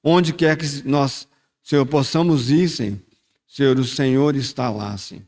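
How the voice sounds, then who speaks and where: Speaking at a measured pace in a mid-range, darkish voice, a man leads communion. A short sermon gives way to a reflective spoken prayer in which he repeats "Senhor" often.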